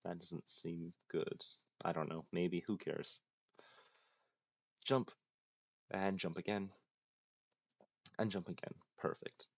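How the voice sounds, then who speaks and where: Low-voiced young man, dry self-mocking gameplay chatter. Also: steady tone, takes it slowly, vocal fry, long pauses. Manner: dry, self-mocking, mutters while playing. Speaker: gaming YouTuber. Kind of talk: casual gameplay commentary. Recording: dull lo-fi, dry.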